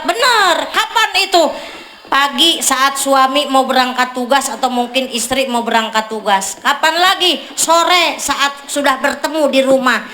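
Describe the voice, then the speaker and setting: At a neighborhood religious gathering, a woman preacher from Tangerang, Indonesia, gives a funny sermon for a community celebration, teasing and bantering with her audience. Her high-pitched voice is bright and forceful. It was captured through a noisy, echoing sound system.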